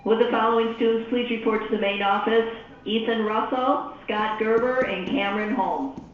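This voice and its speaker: A school office announcer calling students to the office over the intercom loudspeaker, in a brisk announcement manner. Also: medium pitch, steady tone. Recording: tinny, echoey intercom heard from afar.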